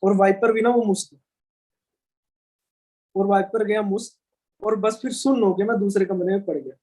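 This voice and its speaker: High-voiced young man telling a lively story. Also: moderate pace, poor audio. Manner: animated, colloquial retelling with frequent tag questions. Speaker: speaker at a business training session. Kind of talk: storytelling talk to a live audience.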